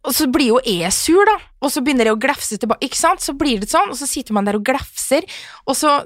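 Chatty woman co-host, lively storyteller, dry close sound. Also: no room sound. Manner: animated, acts out quarrels in a shrill voice. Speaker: podcast co-host. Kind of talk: casual chat.

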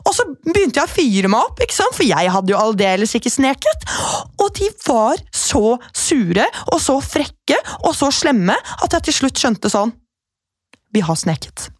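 A young Norwegian woman with a high voice that swoops up and down as she acts out every line of a story. She laughs often and plays the other people in her tale. The sound is dry and close. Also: very animated, hardly any pauses, no room sound. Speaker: podcast co-host. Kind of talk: casual chat.

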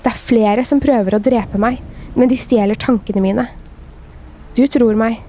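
A woman hosting a podcast, reading scary stories in a measured, steady way and chatting casually afterward. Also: fairly high pitch, a little hiss or hum. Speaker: podcast host. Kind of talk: scripted horror story narration.

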